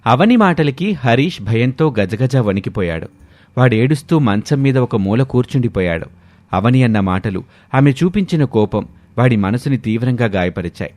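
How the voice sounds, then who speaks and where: A man narrating a moral storybook in a steady, expressive way. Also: medium pitch, normal speed, dry recording.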